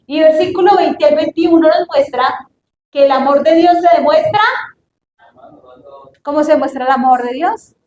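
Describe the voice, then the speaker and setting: Woman preacher, high voice, earnest Bible teaching, echoey room with faint noise. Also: normal speed, long pauses. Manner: earnest, acts out prayers in a hushed voice.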